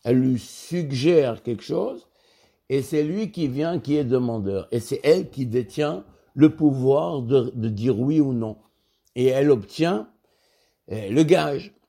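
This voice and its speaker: A man giving a religious text lesson as a Torah teacher, explaining in a measured way and repeating key words to drive points home. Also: mid-range voice, lively intonation, vocal fry, warm tone.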